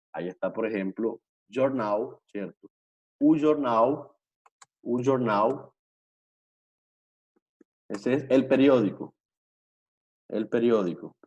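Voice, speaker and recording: Lowish-voiced man teaching, muffled lo-fi audio. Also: brisk, dark tone. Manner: patient, repetitive, checks understanding with frequent tag questions. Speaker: Portuguese teacher. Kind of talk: online language lesson.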